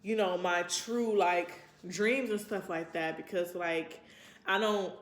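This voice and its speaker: A woman in her twenties, a vlogger, muses casually and informally to camera in a meandering way. She speaks slowly in a lowish voice with fairly even intonation, and the recording carries a roomy echo.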